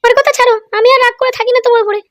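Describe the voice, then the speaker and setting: A woman voicing a sweet, plaintive young wife in a cartoon, squeaky and complaining. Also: fairly even intonation, very fast, no room sound.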